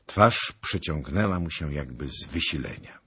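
A male audiobook narrator with a very deep, husky, breathy voice. His pitch moves in a lively way as he tells the story. The telling is solemn and dramatic. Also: a little slow. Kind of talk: scripted narration of a historical novel.

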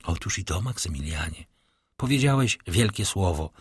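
A man voicing a noble middle-aged count who is calm, grave and tender, in a measured, solemn delivery. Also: low-pitched, husky, no echo, studio quality, pitched below the performer's own voice, full character voice.

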